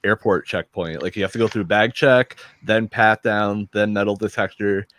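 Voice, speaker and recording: A man's voice: lowish voice, fairly even intonation, normal speed, fairly bright tone. A man hosting a podcast, chatting in a laid-back way with frequent chuckles and short replies. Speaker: podcast host. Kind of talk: casual chat.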